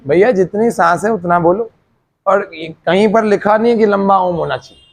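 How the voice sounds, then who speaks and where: A man teaching a meditation class, explaining each step slowly and asking again and again whether his students have understood. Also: high-pitched.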